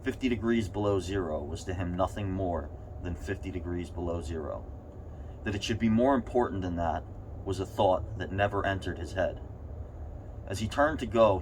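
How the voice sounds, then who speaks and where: A man reading a short story aloud with deliberate, paused phrasing while sitting in the cold of an ice bath. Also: low voice, poor audio. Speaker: reader. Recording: steady background noise.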